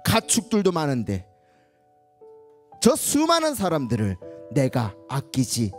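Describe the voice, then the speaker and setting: A woman voicing God in a children's Bible story, speaking solemnly and gently reproving. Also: deep voice, wildly swooping pitch, measured pace, faint music behind, exaggerated voice. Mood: gentle.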